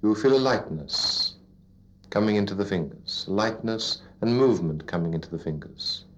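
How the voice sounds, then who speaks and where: A man guiding a listener into sleep as a hypnotist, in a soothing, repetitive, deliberate narration with pauses, like a sleep story narrator. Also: fairly low pitch, animated, slight background noise. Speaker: hypnotist leading a relaxation induction. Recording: dull lo-fi recording.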